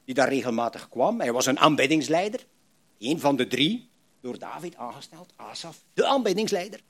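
A man preaching a sermon, swinging between loud emphatic lines and soft low asides, and reading scripture aloud with feeling. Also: sing-song, normal speed. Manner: frequent tag questions, reads scripture aloud expressively.

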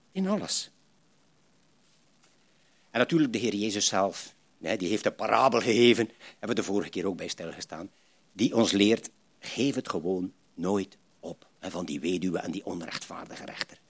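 A man preaching a sermon, swinging between loud emphatic lines and soft low asides, and reading scripture aloud with feeling. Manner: frequent tag questions, reads scripture aloud expressively.

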